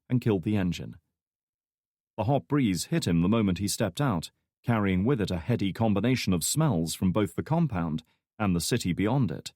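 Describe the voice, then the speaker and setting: A man narrating an audiobook in a steady, measured reading style. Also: lowish voice, dry recording, clean studio sound. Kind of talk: scripted narration.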